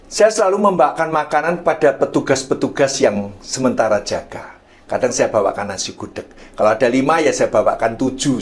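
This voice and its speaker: A middle-aged man preaching a sermon, telling a story and often addressing listeners as brothers and sisters, his phrases trailing off softly. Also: fairly high pitch. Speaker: pastor.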